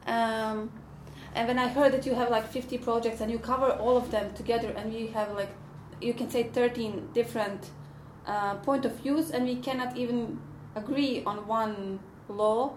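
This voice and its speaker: A young woman from Bosnia and Herzegovina answers interview questions as an exchange student. She speaks softly and hesitantly, with restarts. Her voice sits a little high and sounds roomy. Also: fairly even intonation, moderate pace, slight background noise. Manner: hesitant, soft-spoken, with restarts. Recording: roomy echoey room.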